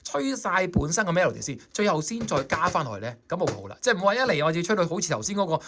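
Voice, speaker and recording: A saxophone teacher with a Hong Kong Cantonese accent talks his students through a score in a chatty, coaxing way. His voice sits fairly high for a man and swings up and down with lots of lively movement. He keeps checking that everyone is following. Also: racing, slight background noise. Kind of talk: explaining a score in a music lesson.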